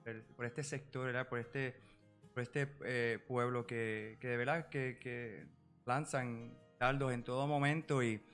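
A Puerto Rican man in his forties, a psychology professional, speaking as a podcast guest in a measured way with many filler pauses. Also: mid-range voice, fairly even intonation, fairly bright tone, faint music behind. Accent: Puerto Rican Spanish. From Puerto Rico. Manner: measured, full of filler "eh" and "¿verdad?" tags. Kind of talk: podcast interview.

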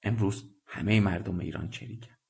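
A man voicing a calm, seasoned male guerrilla fighter in a radio story reading, speaking low and steady. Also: gravelly. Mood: hushed calm.

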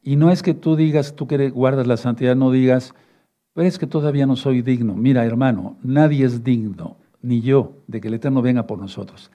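A male preacher giving a fatherly sermon, reading scripture verses slowly and often checking in with his listeners. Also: medium pitch, mellow, dull audio. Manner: fatherly, repeats "no, no, no" and asks "¿sí?"; reads verses slowly and rereads them.

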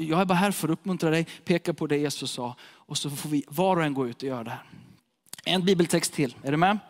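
A man preaching a sermon to a gathered audience, emphatic and repeating his key phrases. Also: high voice. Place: church hall with a live audience. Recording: echoey hall reverb.

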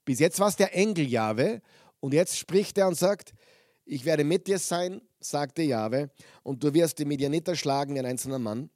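A man preaching a sermon, reading Bible passages aloud with lively emphasis and stopping to explain them to his listeners. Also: fairly high pitch, normal speed, dry recording, clean studio sound.

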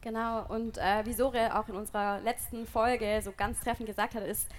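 A woman's voice: on the high side, steady tone, normal speed. A woman from Germany co-hosts a live podcast in front of an audience. She explains steadily and uses filler words. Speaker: podcast co-host. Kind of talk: live podcast panel hosting.

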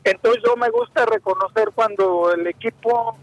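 A man's voice: high-pitched, normal speed, no echo. A man calling in by phone to a sports show, chatting casually and hesitantly with fillers and restarts. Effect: heard over a phone line. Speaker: caller to a sports radio show. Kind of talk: casual call-in opinion.

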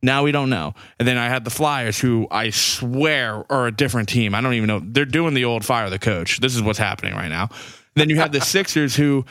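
A man's voice: mid-range voice, fairly quick, fairly bright tone, no echo. A man ranting in casual, profane sports talk as a podcast co-host. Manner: profane, exasperated fan rant.

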